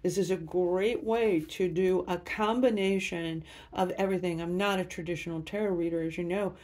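A tarot reader talks straight to her viewers on camera, upbeat and enthusiastic. Her voice sits on the low side, with a steady, slightly mellow tone and a moderate pace.

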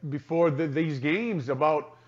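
A man's voice: fairly high pitch, a little slow. Frustrated male radio analyst on a dull line. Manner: frustrated, repetitive, restarts often. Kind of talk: postgame radio talk.

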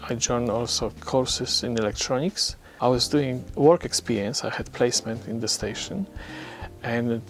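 Polish-accented man in his 60s, mid-pitched, halting but plain, soft music underneath. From Poland. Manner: plain, measured, slightly halting English. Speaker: senior radio technician. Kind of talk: documentary interview. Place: radio studio.

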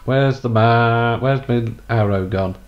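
A man's voice: mid-range voice, slow, dull audio. A man casually commenting while he plays a video game, amused and muttering to himself. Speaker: streamer playing a video game. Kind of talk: casual let's-play commentary.

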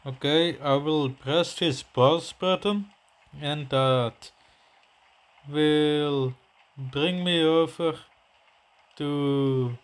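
A man's voice: fairly high pitch, extremely slow, long pauses. A young man giving goofy let's-play commentary, joking about himself in the third person. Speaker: gameplay commentator.

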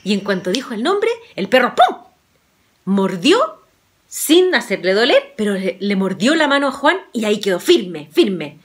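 A woman telling a folktale aloud, playful and animated, talking straight to her listeners. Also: mid-range voice, unhurried. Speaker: storyteller. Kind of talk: oral storytelling.

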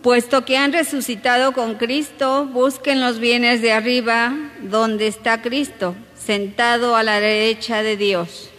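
A woman lector reads scripture slowly and solemnly. Her voice is a little high and rings with long church reverb. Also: fairly even intonation, fairly bright tone. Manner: solemn, deliberate reading. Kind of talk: liturgical psalm reading. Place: church sanctuary at Mass.

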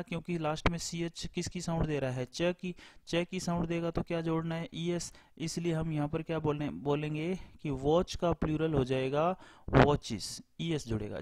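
A man teaching a grammar lesson in a patient explanatory style, spelling words letter by letter and asking and answering his own questions. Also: on the high side.

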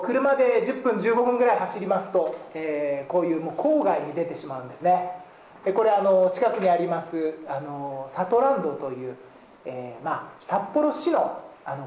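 A male pastor giving a sermon at a pulpit, filling pauses with a drawn-out "ee" and slipping in light jokes. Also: high voice, warm tone, slight background noise. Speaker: guest pastor. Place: church sanctuary. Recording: roomy church live stream.

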